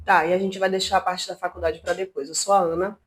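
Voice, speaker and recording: A woman from Brazil hosting a casual commentary vlog from her home, talking in an indignant, animated, chatty way. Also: fairly low pitch, quick pace, a little hiss or hum. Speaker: channel host. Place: at home, not a studio.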